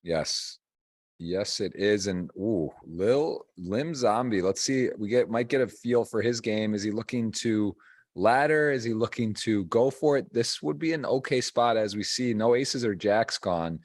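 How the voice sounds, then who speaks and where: A man's voice: fairly low pitch, unhurried, darkish tone. A man giving conversational live poker tournament commentary as the host of a stream.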